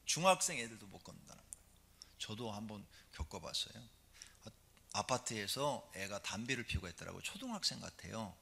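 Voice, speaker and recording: A middle-aged male pastor giving a lively, conversational sermon in church, full of rhetorical questions. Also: lowish voice, brisk, creaky, breathy edge. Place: church sanctuary.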